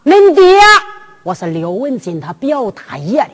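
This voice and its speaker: A woman voicing a scheming old father who speaks slowly and deliberately, with a Henan accent, in a drum-ballad storytelling. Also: huge pitch swings, warm tone, breathy edge, heavily acted. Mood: scheming, instructing. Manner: drawn-out, deep, deliberate elder's speech. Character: slow-spoken old father, scheming, low-voiced. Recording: long hall reverb with music.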